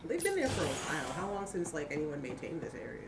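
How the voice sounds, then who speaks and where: A woman casually commenting while she plays a video game, chatty and quick to laugh. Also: sits low, wildly swooping pitch, very noisy. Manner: chatty, laughs often, talks to herself about the game. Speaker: streamer playing a video game. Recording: game music loud behind her.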